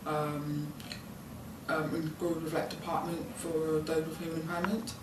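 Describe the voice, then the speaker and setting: A nineteen-year-old student intern from Britain, whose first language is British Sign Language, gives an informal interview, rambling hesitantly with many ums and likes. Her low voice moves little in pitch and she speaks in an unhurried way. The mic is distant, the room echoey, and there's background noise.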